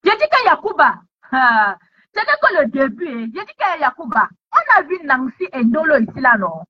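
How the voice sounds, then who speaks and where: A woman's voice: high-pitched, very animated, moderate pace. A woman giving heated commentary online, scolding someone with repeated taunting questions. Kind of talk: heated social media commentary. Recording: dull lo-fi sound.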